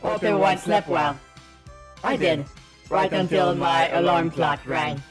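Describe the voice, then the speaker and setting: A high-pitched man chatters through a live game stream, quick to yelp and joke at what happens on screen. He sounds drowsy yet keeps bursting into loud, excitable reactions over faint background music. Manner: excitable, jokey, loud outbursts. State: sleepy. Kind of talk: live gaming commentary.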